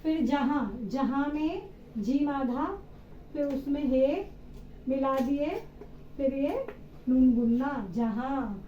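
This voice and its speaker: A woman's voice: high voice, slow pace, long pauses, warm tone, slight background noise. A woman teacher giving a step-by-step reading lesson for children, patiently spelling out letters and answering her own questions. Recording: roomy, slightly dull recording with faint ambience.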